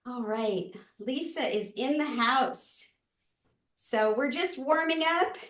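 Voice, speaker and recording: A woman with a fairly high voice leads casual stretches from a little way off the mic in a very echoey room. She instructs gently, encouraging people to go at their own comfort in an easygoing, conversational way. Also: lively intonation, slow. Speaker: fitness class host. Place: indoor room, live online exercise session. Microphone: camera microphone at a distance. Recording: echoey room, distant microphone.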